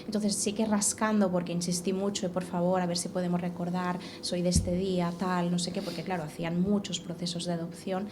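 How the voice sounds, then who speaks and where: This podcast guest, a woman from Catalonia, speaks briskly in a fairly low voice with few pauses. She tells her story in an animated, conversational way, repeating and restarting phrases, over constant background noise.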